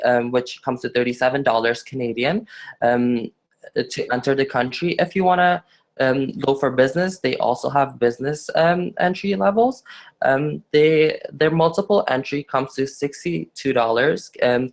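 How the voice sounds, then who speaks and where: This student webinar presentation comes from a nineteen-year-old man from Afghanistan whose pitch is medium. He stumbles along haltingly, frequently using fillers and starting over.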